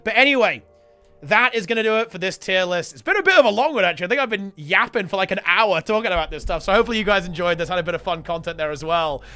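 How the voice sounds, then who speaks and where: A man's voice: high-pitched, expressive, fast, pushed and bright, faint music behind. A man streaming casually to his chat, rambling in gamer slang and repeating himself while getting over a sickness. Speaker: game streamer and video host.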